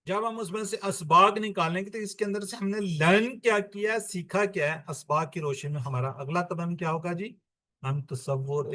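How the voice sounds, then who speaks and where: A man teaches a Quran lesson. His voice sits fairly high. He explains step by step and poses questions he answers himself. The recording is dry and close. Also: a bit bright, no echo. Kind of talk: classroom-style lesson explanation.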